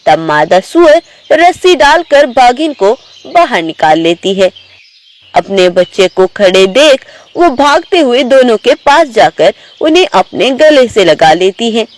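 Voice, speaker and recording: A woman narrating an animated children's story in a storybook manner. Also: on the high side. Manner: slow, storybook telling.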